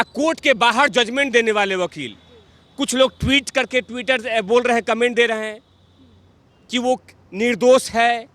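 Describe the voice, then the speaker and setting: A man's voice: very high voice, pushed and bright, no echo. A man giving heated political commentary, combative and mocking, repeating phrases for emphasis.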